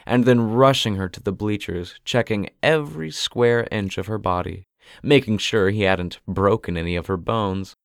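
A man voicing a cheerful adult woman in an audiobook, speaking in a pleased, bright way. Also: fairly low pitch, moderate pace, creaky, no room sound. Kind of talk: audiobook character voice. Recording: dry close recording.

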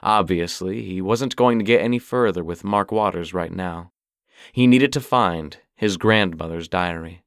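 A man narrating an audiobook in a steady, even reading. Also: sits low, a little slow, smooth, no echo. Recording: dry close recording.

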